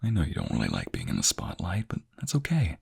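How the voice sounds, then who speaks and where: A man playing a tender, reassuring boyfriend in a soft, gentle, soothing ASMR ASMR role-play, with a low, breathy, gravelly voice. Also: huge pitch swings, quick pace, exaggerated voice. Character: tender, reassuring boyfriend comforting his crying partner.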